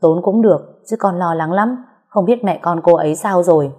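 An anxious young husband pleading in worry, as read by a woman storyteller. Low and mellow in tone. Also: moderate pace, husky. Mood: worried. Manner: pleading, worried.

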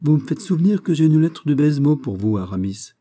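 A man's voice: fairly high pitch, very animated, brisk, warm tone, voice pushed up. Porthos, a man reading a big, naive musketeer. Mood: eager. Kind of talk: audiobook character reading.

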